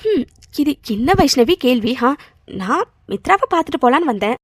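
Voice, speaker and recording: A woman voicing a calm young woman in a cartoon serial, patiently coaxing and often ending with a questioning "ha?". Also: high voice, moderate pace.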